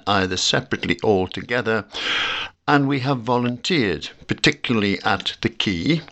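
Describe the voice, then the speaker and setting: A man from Newcastle upon Tyne reading his own reflective essay about home, measured and dryly precise. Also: fairly low pitch, bright, forceful tone. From Newcastle upon Tyne, England. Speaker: guest contributor reading his own piece.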